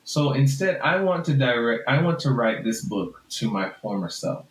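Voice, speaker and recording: A man's voice: medium pitch, big pitch swings, normal speed, a little hiss or hum. A man with a Jamaican accent, telling his story as a podcast guest in an earnest, reflective way and laughing often. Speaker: guest author. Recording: roomy echo.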